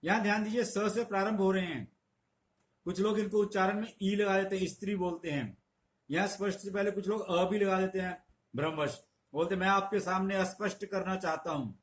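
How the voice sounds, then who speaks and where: A man's voice: sits high, brisk. A middle-aged man teaching a spelling lesson, patient, explaining with little stories and examples. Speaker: Hindi language teacher.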